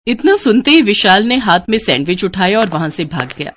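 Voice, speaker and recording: A woman reading scripted narration for a cartoon moral story in a clear, expressive storyteller manner. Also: lowish voice, a little fast. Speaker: narrator and voice of female figures.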